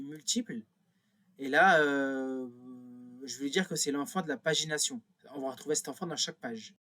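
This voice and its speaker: Husky-voiced Frenchman talking through a tutorial. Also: a little high, fairly bright tone. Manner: thinks aloud while clicking, many fillers and self-corrections. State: a bit nervous. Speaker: instructor. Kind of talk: screen-recorded tutorial.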